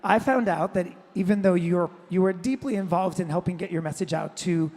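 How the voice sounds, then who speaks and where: A woman interviewer asking measured, prepared questions on stage in front of a live audience. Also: on the low side, a little mellow. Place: large hall before a live audience. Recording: long hall reverb.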